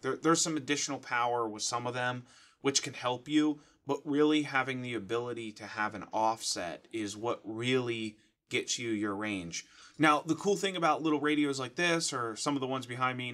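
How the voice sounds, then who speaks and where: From a small furnished room in his home, the thirty-something host of a how-to channel speaks to camera with an American accent. His explanation is casual and plain-spoken, delivered in a mid-range voice with a sharp tone.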